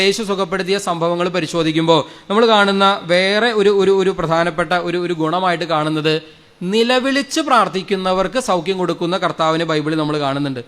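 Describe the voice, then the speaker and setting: A male priest delivers a fervent sermon in a high voice to a congregation in a church or prayer hall. He repeats phrases, asks the crowd questions, and swings between loud and soft.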